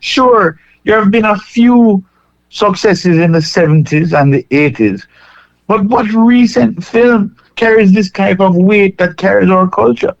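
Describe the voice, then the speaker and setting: A Jamaican man calling in to a radio show, speaking earnestly and in a measured way. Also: high-pitched, gravelly, no echo. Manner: earnest, measured, thinks aloud with restarts. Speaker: caller. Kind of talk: phoned-in call to a radio show. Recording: dull phone line.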